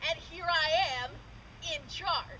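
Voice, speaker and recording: A woman's voice: extremely high pitch, slow pace, sharp tone, full character voice, poor audio. A woman playing a boastful, bumbling, self-important sergeant in comic renaissance faire stage acting, cocky and blustering. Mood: smug. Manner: cocky, blustering, hesitant when challenged. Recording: outdoor live recording, clear ambient noise.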